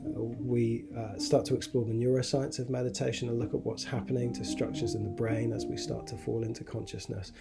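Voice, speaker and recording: A middle-aged man and yoga teacher trainer, speaking calmly and gently to promote a training course. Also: medium pitch, creaky. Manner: calm, gentle, unhurried with soft fillers. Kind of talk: promotional talk to camera. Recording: guitar music underneath.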